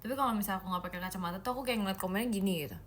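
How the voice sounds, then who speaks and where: A woman's voice: mid-range voice, racing, fairly bright tone, a little hiss or hum. A young woman hosting a casual livestream. She reads out viewer comments and answers in a playful, giggly way with lots of fillers. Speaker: idol livestream host.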